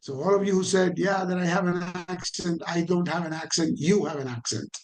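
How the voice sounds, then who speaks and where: A high, steady-toned voice moves a little fast as this man delivers an online training in a Caribbean Spanish accent. Conversational throughout, he poses questions to the audience and emphasizes points by repeating them.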